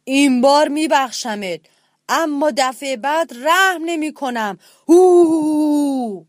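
A woman's voice: high-pitched, dry recording, clean studio sound, pitched above the performer's own voice, lightly acted. A woman voicing an arrogant male lion king in a children's story, bellowing orders and threats. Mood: roaring angry. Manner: bellowing, domineering.

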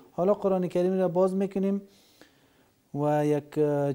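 A man teaching Quran reading in a recorded lesson, sounding out letters and syllables slowly one by one. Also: fairly high pitch, mellow. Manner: slow, drawn-out syllable drills.

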